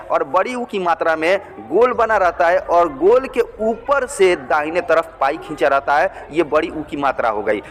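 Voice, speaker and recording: Male teacher, patient and repetitive, fairly high voice, recorded with a long reverb tail. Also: slight background noise. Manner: patient, repetitive, checks with "ठीक". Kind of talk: blackboard language lesson.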